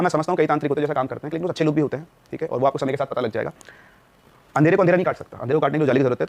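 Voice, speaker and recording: A young man tells a ghost story on a podcast at a rapid clip, his voice sitting a little high for a man. He acts out the quoted lines of each person in the story with changing voices. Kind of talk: animated storytelling.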